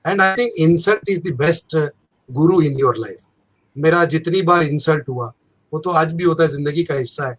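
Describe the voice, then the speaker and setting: A man's voice: on the high side, unhurried. A middle-aged man, an event anchor telling stories with self-deprecating humor in casual chat.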